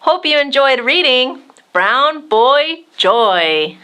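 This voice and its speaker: This woman, high in pitch, reads aloud from a picture book during a children's storytime, keeping her delivery expressive and measured for her young audience.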